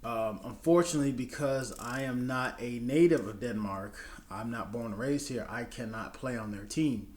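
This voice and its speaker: A man's voice: mid-range voice, normal speed, few pauses, darkish tone. An American man in his thirties, casually answering viewer questions in a loose, rambling way. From United States. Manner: rambling, loose and chatty with many fillers. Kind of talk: casual chat. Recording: echoey room.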